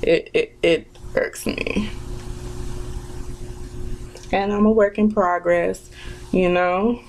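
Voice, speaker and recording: A woman's voice: mid-range voice, fairly even intonation, takes it slowly, a little hiss or hum, low-quality recording. A woman in her twenties chatting casually while doing her makeup, reflective and full of fillers and restarts. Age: 20s. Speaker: vlogger. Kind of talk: casual chat during a makeup tutorial.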